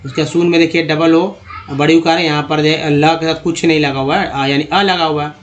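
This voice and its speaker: High-voiced man drilling English words. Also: fairly even intonation, a little hiss or hum. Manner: slow, patient word-by-word drilling. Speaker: teacher. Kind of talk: English reading lesson.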